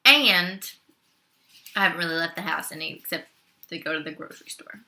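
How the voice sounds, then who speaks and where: A woman's voice: lowish voice, a little fast, bright, forceful tone. A young adult woman talking casually at home while eating for her vlog, chatting between bites with her mouth full. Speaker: vlogger. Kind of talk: casual mukbang eating chat.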